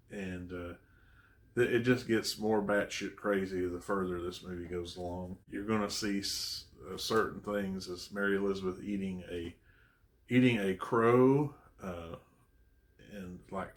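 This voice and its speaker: A man's voice: deep voice, a bit bright. A man reviewing a horror film, recapping the plot in a rambling, conversational and amused way.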